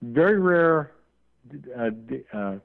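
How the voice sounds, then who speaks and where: On a call-in radio show, a man interviewed as a paranormal investigator talks at length in a fairly high, sing-song, gravelly voice, taking things slowly. He rambles on and admits that he tends to run on. The audio comes through a tinny phone line.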